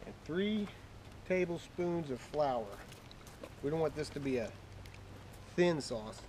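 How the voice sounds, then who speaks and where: A man's voice: on the high side, animated, slow, a little mellow. A man talking casually and plainly as a cooking show host, explaining each step of a recipe in an informal, folksy way. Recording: clearly noisy background with clicks.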